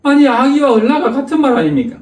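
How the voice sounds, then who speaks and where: A man's voice: very high voice, big pitch swings, fairly quick, darkish tone, recorded from a distance, voice pushed up. A man voicing an exasperated husband who asks the same incredulous question again and again, heard in an echoey church hall. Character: exasperated middle-aged husband questioning a neighbor.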